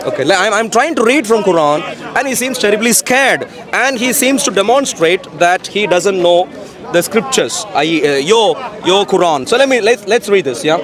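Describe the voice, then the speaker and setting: A high-pitched man preaching in the street, with a busy crowd around him outdoors. He debates scripture insistently, repeating phrases and pressing on through interruptions. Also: lively intonation, moderate pace. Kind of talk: public debate, reciting and arguing over scripture. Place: outdoors in a busy urban public spot.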